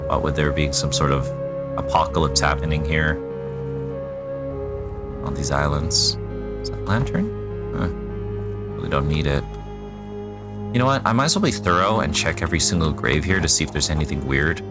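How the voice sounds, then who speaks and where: Over loud music, a young gaming channel host with a bass voice gives casual let's play commentary on a retro role-playing game, reading the game text and musing aloud with wry asides. He speaks at a moderate pace with long pauses.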